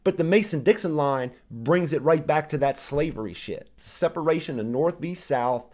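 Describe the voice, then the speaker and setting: A man delivers an angry, profanity-laced reaction rant. His pitch swings widely as he argues back at a clip. He sounds like he is hosting his own commentary channel. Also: animated, moderate pace, darkish tone. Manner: heated, profane, ranting. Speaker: reaction video host.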